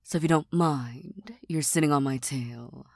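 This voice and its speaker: A woman playing a tired, serious young cat girl who doubts herself, in a soft, breathy ASMR role-play with a deadpan, gently teasing manner. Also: deep voice, unhurried, no echo, studio quality. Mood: dry, doubting.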